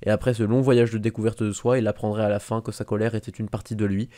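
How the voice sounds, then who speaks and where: A man narrating a fan audiobook in a steady, measured reading. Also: fairly low pitch, no room sound. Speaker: audiobook reader.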